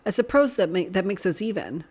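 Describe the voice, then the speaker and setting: A woman's voice: medium pitch, animated, brisk, darkish tone, husky. A woman voicing a teasing, blunt young man who talks frankly.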